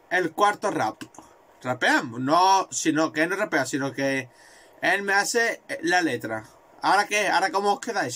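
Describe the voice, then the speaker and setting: A man commentating his own football video game, excitable and swearing, repeating words in rapid bursts. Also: sits high. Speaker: gaming video creator.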